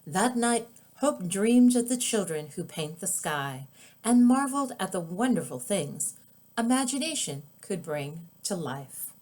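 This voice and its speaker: A woman with a medium-pitched voice reads her own children's book aloud, narrating with expressive, deliberate, drawn-out phrasing.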